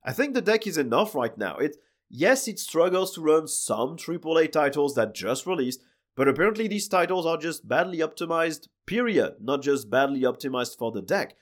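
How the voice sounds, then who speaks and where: A man with a French accent hosting a solo tech news podcast, his voice hoarse and cracked from being sick, chatty and loose with many fillers. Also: fairly high pitch, very animated, moderate pace. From France. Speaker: podcast host.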